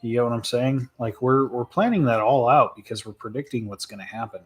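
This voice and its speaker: A man streaming live and answering viewer questions in a relaxed, rambling way, thinking aloud with plenty of fillers and laughs. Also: mid-range voice, fairly quick, husky. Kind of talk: casual live chat.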